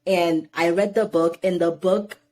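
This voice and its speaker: A woman in her thirties, originally from Haiti, is the guest in a casual interview, where she tells animated stories packed with "you know" fillers. She speaks unhurriedly in a voice on the low side.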